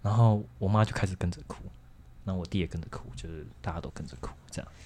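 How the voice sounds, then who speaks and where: A man's voice: sits low, quick pace, a little mellow. A young man with a Taiwanese Mandarin accent, telling a personal story in a casual, rambling way on a chat show. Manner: candid, rambling, frequent restarts and laughs.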